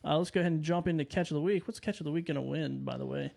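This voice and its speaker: A man in his thirties hosts a podcast from a studio. His voice sits a little high, and he talks in a chatty, upbeat way with loose, rambling phrasing. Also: rapid-fire, creaky, a little mellow. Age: 30s. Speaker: podcast host. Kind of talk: casual podcast chat.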